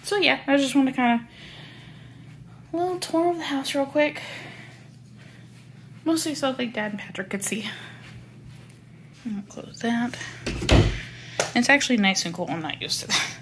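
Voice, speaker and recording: Woman vlogger, rambling house-tour narration, pitch a bit high, noisy handheld recording. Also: moderate pace, pauses often. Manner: chatty, rambling, coos at her pets in a high baby voice. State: tired after moving. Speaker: vlogger giving a home tour. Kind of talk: casual home tour narration. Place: inside a newly moved-into house.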